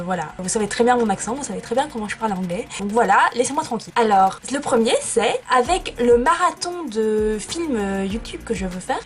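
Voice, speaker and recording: Chatty self-mocking young woman vlogger. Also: a little high. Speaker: YouTuber. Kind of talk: casual vlog chat. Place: her bedroom.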